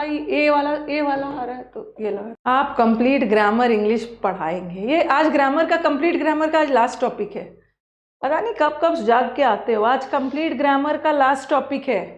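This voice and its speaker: A woman's voice: sits high, reverberant. A woman teaching grammar in Hindi to a coaching class. She speaks, teases the students, and repeats sounds aloud as drills. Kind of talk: online coaching class lecture.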